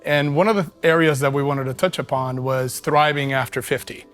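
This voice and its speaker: A male host opens the panel in a friendly way, pausing and filling gaps with ums and you-knows as he sets up the topic. His voice sits at a plain middle pitch. Faint music runs underneath. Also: fairly even intonation, fairly bright tone. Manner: friendly, hesitant, with many fillers. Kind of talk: casual panel discussion.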